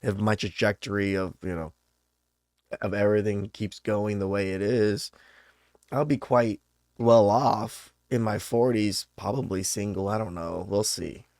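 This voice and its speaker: Gravelly man in his thirties. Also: fairly low pitch, steady tone, unhurried, a little mellow, no room sound, studio quality. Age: 30s. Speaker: reaction channel host. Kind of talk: casual commentary.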